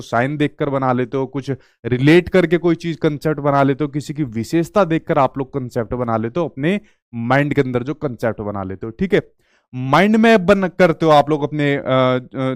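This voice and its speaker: A man's voice: mid-range voice, clear, resonant tone, no room sound, studio quality. A male teacher giving an exam-prep lecture, asking and answering his own questions as he explains.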